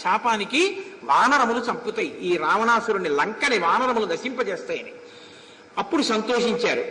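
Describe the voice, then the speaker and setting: A man giving a devotional discourse on an epic in a large hall, animated in storytelling and chanting verses. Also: very high voice. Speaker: religious storyteller. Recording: echoey hall with long reverb.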